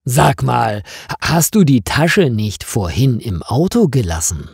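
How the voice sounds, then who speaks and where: A man's voice: medium pitch, very animated, takes it slowly, vocal fry, husky, no echo, clean studio sound, full character voice. A man reading a story voices a confused husband, asking surprised questions in a slightly raised voice. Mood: baffled. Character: baffled husband, calm but confused.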